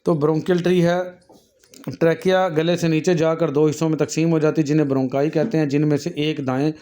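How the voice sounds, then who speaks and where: Man, anatomy teacher, patient lecture, fillers and restarts, slightly high voice. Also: little pitch movement, brisk, dark tone. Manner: patient, calls students "beta" often; frequent fillers and self-corrections. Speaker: nursing and health teacher. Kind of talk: classroom lecture with diagrams.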